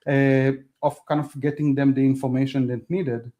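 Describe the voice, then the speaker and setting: A podcast guest whose native language is Hebrew talks casually in an interview, halting and restarting with non-native phrasing. His voice is mid-range and dark, delivered flatly.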